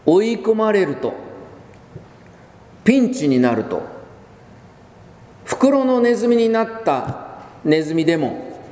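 A man preaching a sermon as pastor, telling the story with lively emphasis, drawing out key words and acting out quoted lines. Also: sits high, slow, pauses often. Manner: animated storytelling, acts out quoted speech. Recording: echoey hall with long reverb.

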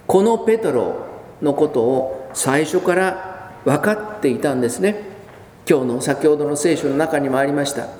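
A man preaching a sermon as pastor, telling the story with lively emphasis, drawing out key words and acting out quoted lines. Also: a little high, a little hiss or hum. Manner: animated storytelling, acts out quoted speech. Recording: echoey hall with long reverb.

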